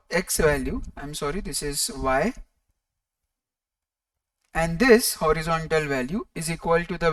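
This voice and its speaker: Maths lecturer, mid-pitched, measured and slow, short phrases with pauses, recorded at a distance from the microphone. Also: fairly bright tone, no echo. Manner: deliberate, pausing between short phrases. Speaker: maths teacher. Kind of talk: lecture explaining coordinate geometry step by step.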